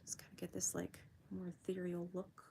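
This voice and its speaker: A young woman hosting a casual art livestream, chatting with viewers as she works, giggling often and jumping up high to greet people. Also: monotone, moderate pace, warm tone, slightly rough, whispered. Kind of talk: casual livestream chat while drawing.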